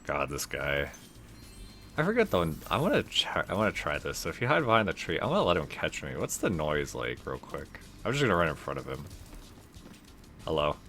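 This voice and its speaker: A man's voice: rumbling low, huge pitch swings, a little fast, a bit bright, faint music behind. A young man giving casual, rambling, laid-back gameplay commentary as a let's play host.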